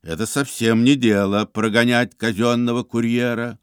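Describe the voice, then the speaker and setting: A man reading an audiobook, voicing a stern, smooth-talking con man who speaks firmly and loudly. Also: mid-range voice, level tone, moderate pace, no room sound, studio quality, close to an everyday voice. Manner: firm, loud, commanding delivery. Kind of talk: audiobook character voice.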